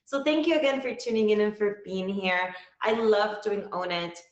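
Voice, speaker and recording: A woman's voice: medium pitch, normal speed, roomy sound, lo-fi sound. A woman from Cuba hosting a live-stream talk show, chatty and upbeat, often checking in with viewers. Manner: chatty, upbeat, keeps saying okay to viewers. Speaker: livestream show host.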